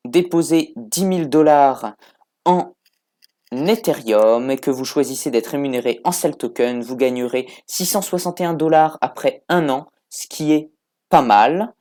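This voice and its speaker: Male tutorial host, chatty step-by-step app walkthrough, mid-pitched, relaxed. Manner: chatty, talks the viewer through each step. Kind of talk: casual screen-recorded app walkthrough.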